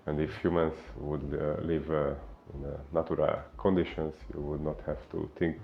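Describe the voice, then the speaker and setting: A man from Hungary with a Hungarian accent, a fitness coach giving an unhurried explainer talk full of filler pauses. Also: rumbling low, little pitch movement, creaky, highs cut off, slight background noise.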